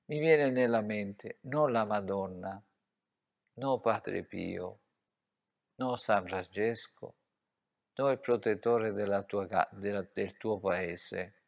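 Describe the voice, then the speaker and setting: A man preaching a sermon, dropping to quiet asides and rising to loud exclamations while coaching his listeners through a Bible reading. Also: fairly low pitch, slow, gravelly.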